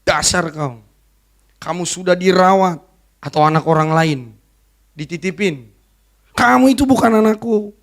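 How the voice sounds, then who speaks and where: A woman's voice: lowish voice, a little slow, pauses often. A woman playing a harsh parent who curtly scolds a misbehaving child. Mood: scolding. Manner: curt, scolding.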